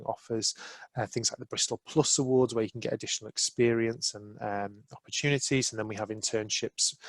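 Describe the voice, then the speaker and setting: Man presenting over a video call, mid-pitch, dry close sound, upbeat with many fillers. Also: no echo. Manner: enthusiastic, many "uh" and "um" fillers, talks over slides. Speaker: university representative. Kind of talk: promotional presentation in a webinar. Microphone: video call microphone.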